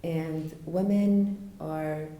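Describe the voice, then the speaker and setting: A woman from Florida answering interview questions earnestly, with frequent fillers and pauses. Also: low voice, steady tone, warm tone, reverberant. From United States (Florida). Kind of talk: conversational interview.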